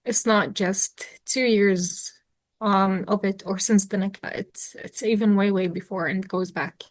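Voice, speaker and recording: An earnest young woman, answering an interviewer's questions off the cuff. She thinks aloud, circles back with fillers and restarts, and speaks at a middle pitch. The sound is dry and close. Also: fairly even intonation, unhurried, dry recording. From Jordan. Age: 20s. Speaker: interview guest, activist.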